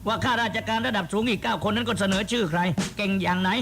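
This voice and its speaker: Man voicing a gravelly, earnest puppet father. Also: high-pitched, fairly even intonation, background noise. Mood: instructive. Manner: measured, instructive, persuasive. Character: earnest, persuasive father figure in shadow puppetry. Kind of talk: shadow-puppet play dialogue.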